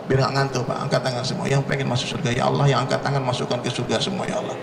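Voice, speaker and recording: A man's voice: medium pitch, level tone, racing, gravelly, reverberant, in a large hall, recorded from a distance, heavy background noise. A man from Indonesia preaching to a congregation with humor, talking straight to the crowd and repeating phrases rhythmically. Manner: jokey, addresses the crowd directly, rhythmic repetition. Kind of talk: humorous religious talk to a congregation.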